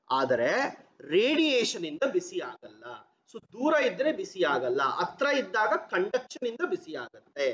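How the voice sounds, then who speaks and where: Guy lecturing a class, high animated voice, keeps asking then answering his own questions, bit dull lo-fi sound. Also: slight background noise. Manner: asks questions and answers them himself; mixes English terms into his talk. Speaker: teacher. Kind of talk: geography lecture for exam students.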